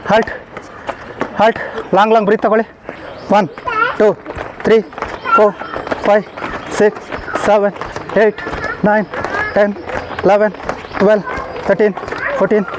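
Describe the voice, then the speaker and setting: High-voiced man barking drill commands. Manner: barks commands and counts reps; scolds and praises kids bluntly. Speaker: boxing coach for children. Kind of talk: live training class. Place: outdoor training ground. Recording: noisy outdoor recording.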